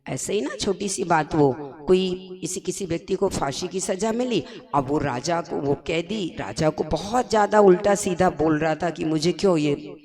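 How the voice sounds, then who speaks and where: A woman, a Jain nun, giving a sermon, telling stories in slow, emphatic phrases. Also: lowish voice, a little mellow. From India.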